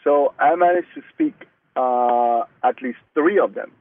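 A Cameroonian man whose first language is Mungaka speaks earnestly as a guest in a casual interview, frequently restarting his sentences. His voice is mid-range, carried over a dry, tinny, phone-like line without room sound.

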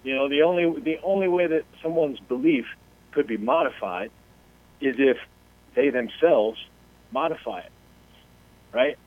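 A man co-hosting a talk show, talking in an emphatic, halting way full of fillers and swearing. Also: medium pitch, narrow, tinny audio. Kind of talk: casual profane talk show discussion.

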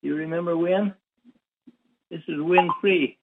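Male caller, slightly high voice, casual chat, clearly noisy thin line. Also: steady tone, measured pace. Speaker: conference call participant. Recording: noisy narrowband phone-like line.

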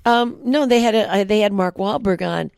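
A woman's voice: mid-range voice, a little fast, gravelly, a little mellow, smooth, dry recording, studio quality. A woman co-hosting a casual podcast, agreeing often and retelling stories. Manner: lots of agreeing backchannels, storytelling. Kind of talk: casual chat.

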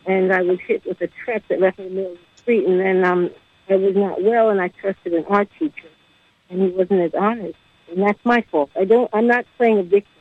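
A woman calling in to a radio show, heard over a crackly phone line that fades in and out, speaking hesitantly with many pauses. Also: mid-range voice, fairly even intonation, dry recording. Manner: hesitant, halting, full of ums. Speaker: caller. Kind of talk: call-in question to a radio show. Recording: tinny, dry phone-line audio.

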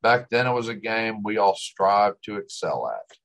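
Male storyteller, lowish voice, West Texas twang and drawl, delivering a scripted first-person monologue. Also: very animated, normal speed, creaky, fairly bright tone, poor audio. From West Texas, United States.

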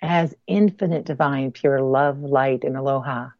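A woman leading a spoken guided meditation as a guest healer, speaking softly and close to the ear in deliberate, measured phrases with pauses. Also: very deep voice, no room sound, muffled recording.

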